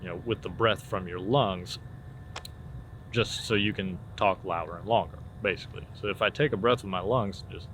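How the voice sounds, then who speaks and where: A man talking as a casual drama teacher, informally explaining and demonstrating theater warm-up exercises. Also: low-pitched, moderate pace. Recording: clear steady background noise.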